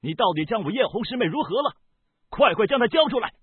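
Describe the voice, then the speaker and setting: A proud young swordsman bellows in a raised, husky voice, sharp and quick with rage, as a man acts him out. The reading sounds dry and tinny, like it comes over a phone line. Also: high voice, sing-song, dry recording, pitched above the performer's own voice, heavily acted. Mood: angry, threatening. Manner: loud, angry, fast shouting. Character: proud young righteous swordsman, hot-tempered and furious.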